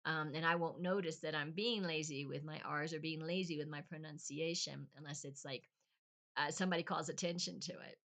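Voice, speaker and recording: Woman giving a chatty spanish sounds lesson, lowish voice, thinks out loud, repeats sounds slowly, poor home recording. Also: steady tone. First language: English. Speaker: language teacher. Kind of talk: casual spoken lesson.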